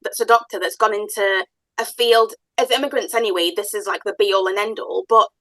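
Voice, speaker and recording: A woman's voice: mid-range voice, a little fast, dry recording, rough recording. A woman hosting a podcast and running her own business, talking in a chatty, enthusiastic way as she tells stories and sets up questions. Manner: chatty, enthusiastic, animated storytelling. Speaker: podcast host, business owner. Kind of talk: casual podcast conversation.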